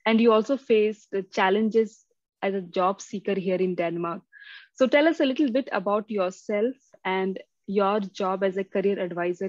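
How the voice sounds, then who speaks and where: A woman's voice: medium pitch, a little mellow, dry recording. A woman hosting an interview on her own channel, talking in a chatty way with many fillers. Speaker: host. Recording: slightly muffled, dry sound.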